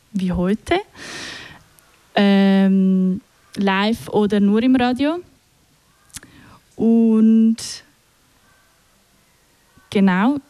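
A woman hosts a live radio culture show from a studio. She talks at an unhurried pace in a mellow voice and fills her pauses with hesitations. The sound is close and dry. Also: mid-range voice, dry recording. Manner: relaxed, hesitant with many fillers.

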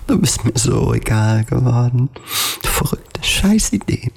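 Alice, a fed-up young woman, as a male storyteller puts her on, pitched up above his deep, gravelly narration. She speaks loudly and agitatedly, with a husky edge. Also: very animated, measured pace, in a whisper, exaggerated voice. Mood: dismissive. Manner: raised, agitated, loud.

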